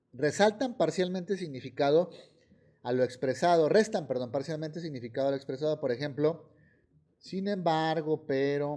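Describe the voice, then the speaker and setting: A man teaching a high school grammar class in Mexican Spanish, explaining with examples and often checking in with "¿sí?". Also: mellow.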